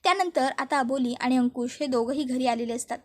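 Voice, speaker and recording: High-voiced woman recapping a serial. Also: brisk. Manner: steady storytelling with many fillers. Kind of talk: voice-over episode recap.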